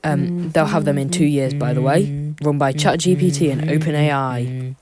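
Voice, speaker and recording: Low-voiced woman with a sore throat. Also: steady tone, normal speed, loud music behind the voice. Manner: joking, self-deprecating asides. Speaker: video creator narrating own drawing. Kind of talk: casual chatty process commentary.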